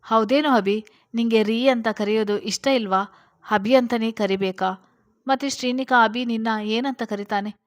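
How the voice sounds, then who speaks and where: A woman's voice: fairly high pitch, normal speed, no room sound, studio quality, close to an everyday voice. Woman reading as teasing young man Akash.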